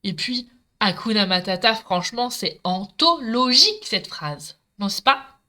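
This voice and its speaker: Expressive and a little slow, her medium-pitched voice comes across pushed and bright. She's a middle-aged Marseille woman chatting directly with viewers as she demonstrates a craft project live.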